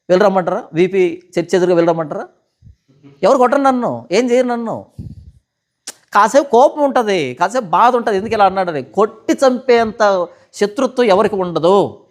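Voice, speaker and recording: High-voiced pastor firing rhetorical questions. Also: male voice. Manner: argumentative, fires rhetorical questions. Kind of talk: heated question-and-answer session.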